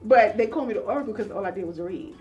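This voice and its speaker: A woman's voice: mid-range voice, rapid-fire, darkish tone, muffled recording. A woman counselor telling her own life story in an interview, earnest and reflective, acting out the voices of people she remembers. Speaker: counselor guest. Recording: voice a little distant from mic, faint music.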